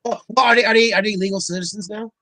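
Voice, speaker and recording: A man's voice: high voice, fairly even intonation, very fast, bright, forceful tone. A man co-hosting a casual comedy talk show, rambling with lots of fillers and restarts. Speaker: comedy podcast co-host. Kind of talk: casual chat.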